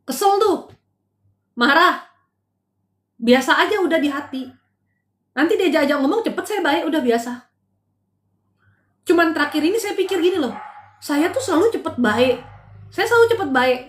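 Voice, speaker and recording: A woman's voice: high voice, lively intonation, normal speed, long pauses. A middle-aged woman counseling live-stream viewers on their marriages in casual chat, direct and scolding by turns, sometimes dropping in English phrases. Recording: roomy echo.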